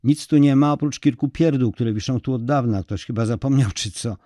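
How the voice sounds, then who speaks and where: A man voicing a slow-witted school caretaker in his forties. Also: mid-range voice, dark tone, no echo, studio quality, voice pushed up, natural voice. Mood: surprised. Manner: slow, clueless.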